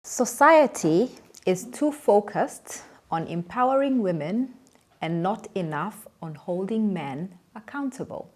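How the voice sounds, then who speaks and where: A woman hosting a podcast and moderating a panel discussion, speaking in a measured, deliberate way. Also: mid-range voice, lively intonation, slight background noise.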